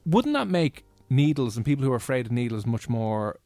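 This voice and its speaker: Fast-talking Dublin man hosting radio. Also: medium pitch, very animated, dark tone, no room sound, soft background music. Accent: Dublin Irish. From Ireland. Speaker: radio host. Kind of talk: casual radio chat.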